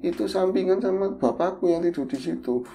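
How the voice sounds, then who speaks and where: A man, a podcast host casually retelling a horror story in a vivid, animated way. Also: high-pitched, brisk, a crowd in the background.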